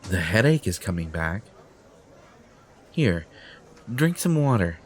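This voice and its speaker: In this audio roleplay aimed at the listener, a man plays a smug, possessive, entitled superhero, pompous, self-satisfied and condescending, with a coaxing mood. His voice sits low and is very animated and exaggerated, and he takes it slowly. A faint crowd and slight background noise can be heard.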